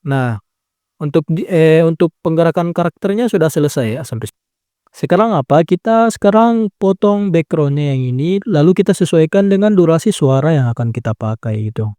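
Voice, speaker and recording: A man's somewhat high voice moves a little fast, recorded cleanly in a studio with no room sound. The video editing tutor calmly runs through a phone edit in a step-by-step screen tutorial, catching himself often with "nah" and self-corrections.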